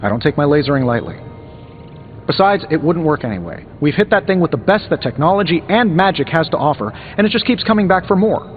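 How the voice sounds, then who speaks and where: A man's voice: a little high, expressive, fairly quick, narrow, tinny audio, soft background music, natural voice. A man playing a cocky, sarcastic armored superhero inventor in a video game, full of wisecracks. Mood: confident, wry. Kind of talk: video game character dialogue.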